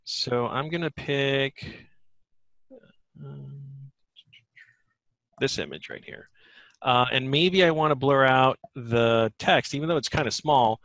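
Bright-voiced man demonstrating software. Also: medium pitch, slow, pauses often, dry recording. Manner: thinks aloud while demonstrating. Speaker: software trainer. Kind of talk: live software demo in a webinar. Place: indoor webinar, screen share.

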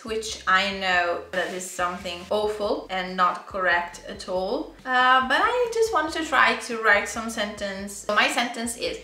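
A woman's voice: a little high, pushed and bright. A young Italian woman vlogging casually in English with an Italian accent, playful and giggly, stumbling and repeating words as she tries them out. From Italy. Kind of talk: casual language-challenge vlog. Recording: echoey room.

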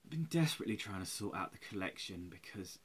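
In this close-range webcam vlog from a small room at home, a man in his forties talks fast with a low-pitched, expressive, husky voice that has a bit of brightness. He's worn out, wandering from point to point, cursing and mocking himself.

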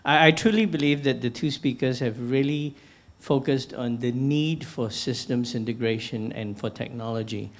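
A middle-aged man from Malaysia moderates a panel from the stage of a large lecture hall, holding a handheld microphone. He talks in a measured, anecdotal way, often restarting his sentences. His pitch sits in an ordinary middle range. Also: fairly even intonation. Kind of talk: panel discussion, posing questions.

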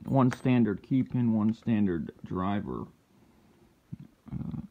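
Gravelly man muttering over his work. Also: on the low side, narrow, tinny audio. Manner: muttering to himself while working, with sudden frustrated yells. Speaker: lockpicking hobbyist channel host. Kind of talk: casual hands-on commentary.

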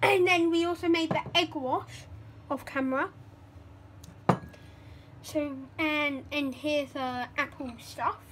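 A woman's voice: sits high, steady tone, slow pace, pauses often, noisy background. A young woman chatting through a casual cooking vlog at home, rambling and correcting herself as she goes. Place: home kitchen.

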